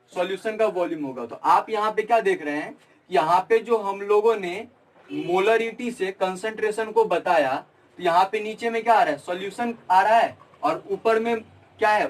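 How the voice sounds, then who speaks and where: A man's voice: high voice, distant mic, low-quality recording. A young man teaching chemistry at a board, repeating his own questions and answering them. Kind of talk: classroom lecture at a board.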